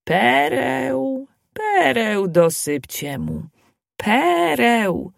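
Slow-spoken wise old spinning granny, played by a woman reader, dry close sound, storybook. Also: a little high, huge pitch swings, vocal fry, dry recording, pitched above the performer's own voice, full character voice. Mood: calm, insistent. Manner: slow drawn-out speech.

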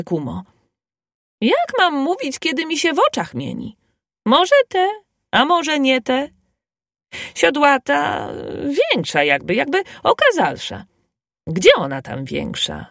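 Woman doing gossiping village women, high and sing-song, lively lilt, storybook. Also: slow, no room sound, clean studio sound, heavily acted. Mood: wondering. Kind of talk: storybook reading.

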